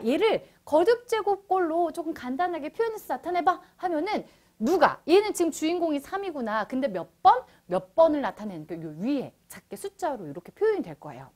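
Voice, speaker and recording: Woman, young, math teacher, high-pitched, very animated intonation, playful and chatty. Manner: chatty, playful, addresses students directly. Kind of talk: online lecture to middle schoolers.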